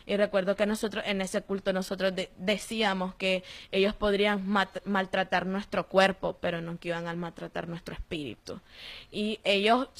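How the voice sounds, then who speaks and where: A young woman with a Nicaraguan accent giving a personal testimony in an interview, telling her story in a lively way and acting out the voices of the people she quotes. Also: medium pitch, normal speed. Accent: Nicaraguan Spanish. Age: young adult. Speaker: interviewee, former detainee.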